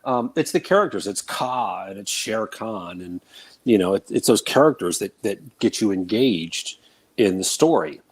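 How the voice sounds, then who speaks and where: A man's voice: on the low side, expressive, normal speed, slightly rough. A man calling in on his cell phone for a casual chat, his voice carrying a slight echo. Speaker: call-in guest.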